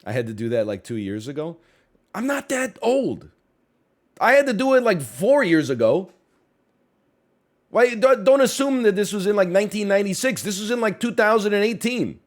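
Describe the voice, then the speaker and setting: A young Canadian man chats casually on a livestream, sounding slightly congested as he rambles, corrects himself, and tosses in jokey asides. His high voice swings widely in pitch at a normal speed.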